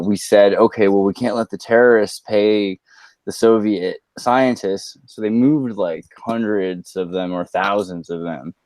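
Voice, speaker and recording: A man from California talks in a loose, digressive way, full of fillers, as a guest on a video call. His voice sits on the low side. The sound is dry and close, with no room around it. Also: darkish tone, no room sound. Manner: rambling, digressive, many fillers. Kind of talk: casual video call chat. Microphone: earpiece on a video call.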